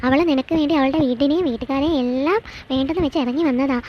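A woman's voice: sits high, fast talker, natural voice. A woman doing a kind, patient poor old mother. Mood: gentle. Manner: soft, soothing and indulgent. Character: poor, gentle, patient older mother-in-law. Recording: dull lo-fi with faint hiss.

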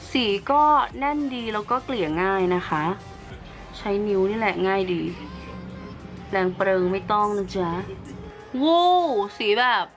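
Woman vlogger, casual makeup tutorial, chatty and upbeat, mid-pitched voice, faint music underneath. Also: a bit bright. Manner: chatty and upbeat, explaining each step as she goes. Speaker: beauty vlogger.

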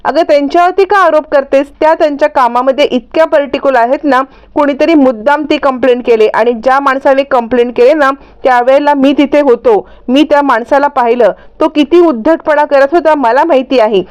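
A woman's voice: sits high, fairly quick, few pauses, darkish tone, dull audio, close to an everyday voice. A woman voicing a young husband who firmly defends his wife to his mother. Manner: firm, earnest.

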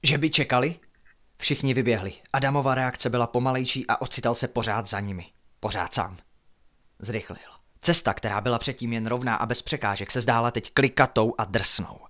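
Man, author reading a bedtime horror story, hushed and suspenseful, mid-pitched voice. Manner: hushed, suspenseful, drops to near-whispers.

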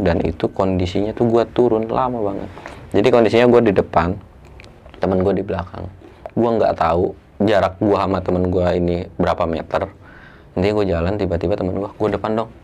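A young man telling a story casually, in coarse slang, jumping to a loud raised voice when he acts out what was said. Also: deep voice, slight background noise. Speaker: storyteller guest.

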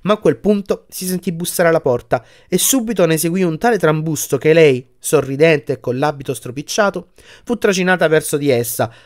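A man reading an audiobook aloud, narrating in a measured, soft-spoken storytelling manner. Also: on the high side.

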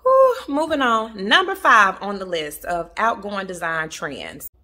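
Lively, bright-voiced woman vlogging. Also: medium pitch, a little slow. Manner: chatty and emphatic, laughs often, addresses viewers as y'all. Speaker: interior design vlogger. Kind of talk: casual chat to camera. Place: at home in a family room. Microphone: camera in the room.

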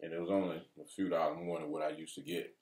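A man's voice: flat delivery, fast, darkish tone. A man co-hosting an eating show, chatting casually and mumbling between bites. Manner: laid-back, low-key, mumbling between bites. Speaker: mukbang co-host. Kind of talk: casual chat while eating. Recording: roomy, mic far off.

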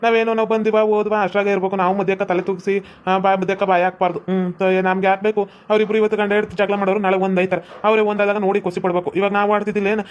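A calm young cartoon man, voiced by a man, reassures his elders in a North Karnataka accent. He speaks quickly, fairly high and even. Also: clear, resonant tone, lo-fi sound, lightly acted. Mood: reassuring. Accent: North Karnataka Kannada. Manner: reassuring, philosophizing. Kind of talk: cartoon comedy voice acting.

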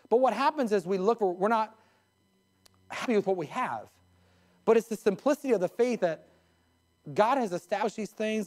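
A man in his forties, a pastor preaching from a pulpit in a church sanctuary, animated and gesturing. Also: high voice. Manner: animated, gesturing at a pulpit, mimics others in a raised voice. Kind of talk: sermon. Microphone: pulpit mic.

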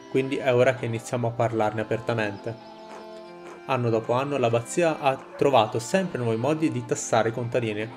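A man's voice: medium pitch, darkish tone, close to an everyday voice. Man reading as indignant peasant leader. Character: indignant male peasant leader rousing a village crowd. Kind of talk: game dialogue read aloud.

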